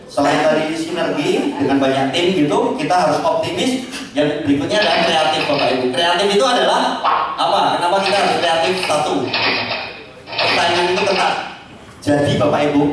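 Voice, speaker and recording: A man with a high, light voice delivers a joking motivational talk, slipping into acted voices. He sounds far from the microphone, and the large event hall adds heavy echo. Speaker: speaker entertaining a seminar audience.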